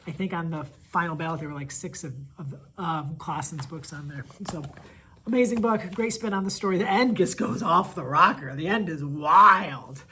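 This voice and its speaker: A man teacher talking casually and enthusiastically about favorite picture books, gushing with praise and sometimes dropping to a soft near-whisper. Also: fairly high pitch, moderate pace, a little hiss or hum, low-quality recording. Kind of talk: casual book recommendation video.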